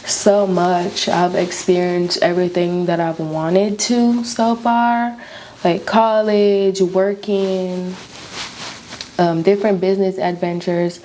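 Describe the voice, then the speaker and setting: A woman's voice: lowish voice, flat delivery, slow, warm tone, a little hiss or hum. A woman in her early twenties with an American accent and a slight lisp, chatting casually to viewers as she vlogs. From Florida, United States. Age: early 20s. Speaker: YouTuber, beauty vlogger. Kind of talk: casual chatty vlog while doing makeup.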